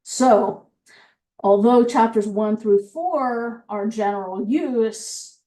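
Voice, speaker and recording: A woman's voice: a little high, slow, dark tone. A woman compliance engineer giving a methodical technical presentation, explaining with frequent fillers, and she has the hiccups.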